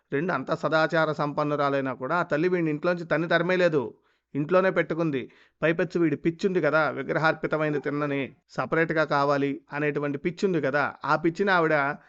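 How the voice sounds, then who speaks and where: A man's voice: a little high, fairly bright tone, clean tone. A man with a slightly raised voice rebuts a clip, scornful and indignant. He fires off rhetorical questions, and the recording sounds dull and lo-fi. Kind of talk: critical commentary.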